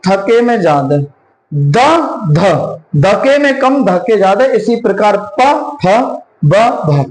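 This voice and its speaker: Man, teacher, high voice, classroom lesson, quizzes himself aloud, repeats terms slowly, roomy echo. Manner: asks questions and answers them himself. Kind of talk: exam-prep classroom lesson.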